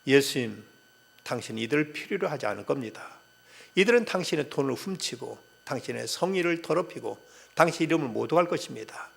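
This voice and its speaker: A scheming male devil in a sermon story, as a pastor acts him out, turning down each offer with quick, dismissive retorts. The voice is heavily gravelly and husky, set at a middle pitch. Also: lively intonation, full character voice. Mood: defiant. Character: cold scheming male devil who bargains. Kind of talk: acted quote within a sermon.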